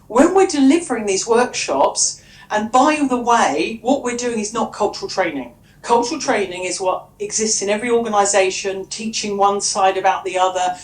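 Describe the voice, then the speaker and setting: A woman speaking at a conference as a workshop trainer, chatty, with frequent restarts and asides. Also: medium pitch. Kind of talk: lively conference presentation. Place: conference room. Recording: echoey room.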